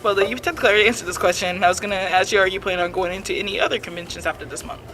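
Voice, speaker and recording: A young man with a high voice, asking casual interview questions. He chimes in and laughs along with the others. Clear background noise carries under his voice. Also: racing, pushed and bright, poor audio. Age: young adult. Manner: laughing, chiming in. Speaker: podcast interviewer.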